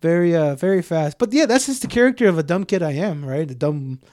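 Young man, podcast co-host, casual profane storytelling, higher voice, dry close sound. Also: a little fast, dry recording. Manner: loose, profane, animated storytelling with many fillers.

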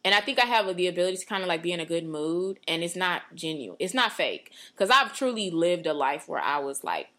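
Her voice sits on the low side, very animated and fairly bright, coming a bit fast with hardly any pauses. She's a podcast co-host in her late twenties, earnestly rambling about her faith in casual talk full of "like," fillers, and false starts.

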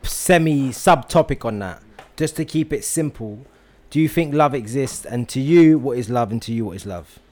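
A man's voice: mid-range voice, expressive, moderate pace, hardly any pauses, a little mellow. A man hosting a casual chat, explaining his views and steering with questions. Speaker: podcast host.

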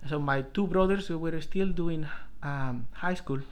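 Colombian-born professor guy, kinda high voice, stops and restarts a lot telling his story. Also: smooth. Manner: halting, many restarts and fillers. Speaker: professor, guest. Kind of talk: interview, personal story.

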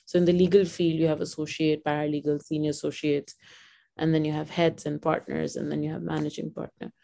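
A woman from Pakistan, a lawyer, talking as a podcast guest in animated, conversational storytelling with frequent restarts. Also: deep voice, a little fast, creaky. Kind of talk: conversational interview.

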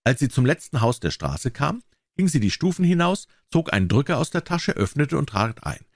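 A man narrating a classic story as an audiobook reader, with expressive, varied intonation. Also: mid-range voice, normal speed, dry recording, studio quality.

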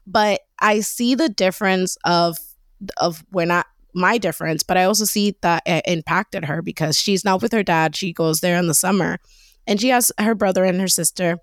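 A woman hosting a podcast in casual chat, laughing often and acting out quoted dialogue in a higher voice. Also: normal speed, dry recording, studio quality. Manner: laughs often between phrases. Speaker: podcast host.

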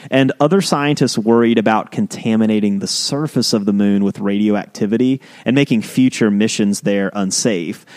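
A man co-hosting a podcast, telling a history story to his co-host in a casual explaining way with animated emphasis. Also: on the low side.

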